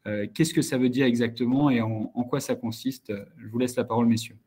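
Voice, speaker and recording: A man's voice: mid-range voice, fairly even intonation, brisk, mellow, breathy edge. A man hosting a webinar who speaks hesitantly and repeats words as he starts his sentences. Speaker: host and company co-founder.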